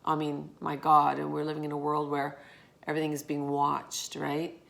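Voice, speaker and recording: A woman speaks in a casual late-night vlog with a low, gravelly voice. She talks candidly and reflectively, sounding a little tired after a long day, with the occasional swear word. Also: monotone, normal speed, fairly bright tone. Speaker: vlogger.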